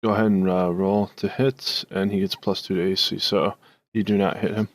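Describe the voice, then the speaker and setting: A man narrating as dungeon master of a tabletop game, halting with many fillers as he describes the action. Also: low voice, level tone, dry recording.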